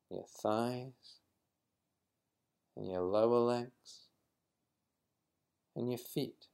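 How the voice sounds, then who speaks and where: A man leading a guided mindfulness exercise in a slow, calm, instructive manner. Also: on the low side, vocal fry. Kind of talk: guided meditation.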